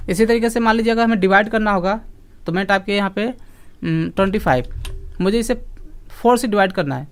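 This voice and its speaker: A man's voice: high-pitched, clean tone. A man teaching an online computer class, explaining each step patiently and repeating key points. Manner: patient, explains step by step, scolds interrupting students sternly.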